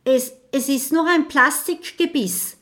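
A woman's voice: sits high, unhurried, a bit bright, voice pushed up. A woman voicing a timid young male ghost in an audiobook, stammering and hesitant. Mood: nervous. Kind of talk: audiobook character voice.

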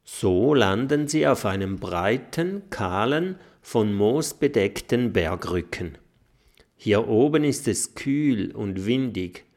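A man narrating a children's audiobook with expressive storytelling. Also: fairly low pitch, slow.

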